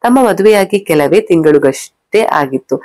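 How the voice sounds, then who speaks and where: Low-pitched female storyteller, measured scripted narration, dry. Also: animated, darkish tone, no room sound.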